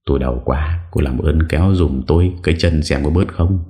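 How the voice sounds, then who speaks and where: A man's voice: very deep voice, moderate pace, warm tone. A man voicing a frightened young hotel worker who stammers and pleads.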